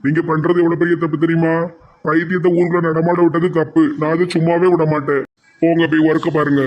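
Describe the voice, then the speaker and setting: A man's voice: a little high, level tone, fast talker, muffled recording, lightly acted. A man with a Tirunelveli Tamil accent, voicing a harsh, demanding boss in a village comedy cartoon. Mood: stern. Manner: commanding, scolding.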